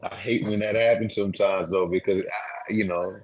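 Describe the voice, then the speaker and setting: A man's voice: lowish voice, steady tone, moderate pace. Rambling man on a podcast. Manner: rambling, restarts a lot, gets worked up. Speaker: podcast co-host. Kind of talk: casual sports podcast chat.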